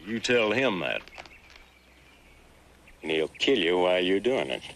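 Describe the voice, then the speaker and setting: A cold, blunt bounty hunter. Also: male voice, low-pitched, big pitch swings, measured pace, noisy background, exaggerated voice. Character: hard-nosed bounty hunter tracking a killer. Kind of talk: 1960s TV western acting. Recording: TV soundtrack with loud score.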